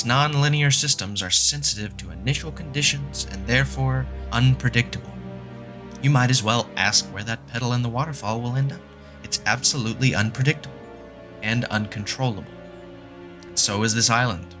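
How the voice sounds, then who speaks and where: A man playing a smug, doom-saying chaos mathematician in an audio drama, lecturing with halting emphasis. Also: medium pitch, over music, lightly acted. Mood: gloomy certainty.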